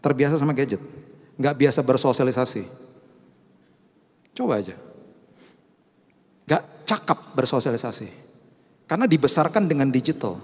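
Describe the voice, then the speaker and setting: High-voiced preacher in an echoing hall. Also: male voice. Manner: animated storytelling with mixed English phrases. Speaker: pastor. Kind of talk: sermon.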